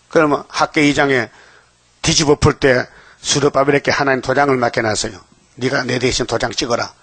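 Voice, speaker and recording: A man preaching a dawn sermon, emphatic, often prodding his listeners with quick rhetorical questions. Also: mid-range voice, fairly bright tone, dry recording.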